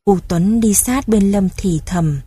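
A woman narrating a story in a steady, even storytelling manner. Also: mid-range voice, takes it slowly, slightly rough, dry recording.

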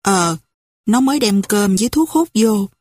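A woman voicing an older male guerrilla comrade who talks bluntly and roughly. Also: medium pitch, expressive, a little slow, darkish tone, dry recording, clean studio sound. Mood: troubled.

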